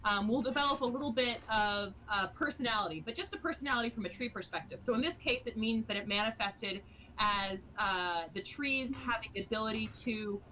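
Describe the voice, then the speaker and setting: A woman's voice: on the high side, brisk, pushed and bright, a little hiss or hum, poor audio. A woman narrating as game master of a tabletop game, rambling and hesitant, with many fillers.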